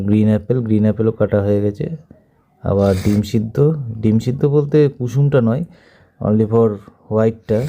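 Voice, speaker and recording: Rambling man with a very dark voice. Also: fairly low pitch, gravelly. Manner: rambling, repetitive, self-mocking. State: slight sore throat. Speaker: vlogger narrating his wife's day. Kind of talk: casual voice-over commentary.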